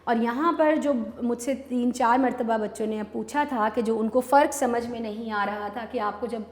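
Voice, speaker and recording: A woman's voice: a little high, steady tone. A woman teacher from Pakistan giving a recorded online lesson, patiently explaining step by step and asking and answering her own questions. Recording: echoey room with long reverb.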